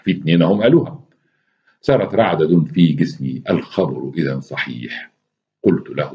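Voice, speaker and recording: A man with an Egyptian Arabic accent reading a short story aloud with expressive, wry delivery and casual asides. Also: low voice, dull audio. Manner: expressive, wry, laughs at his own asides.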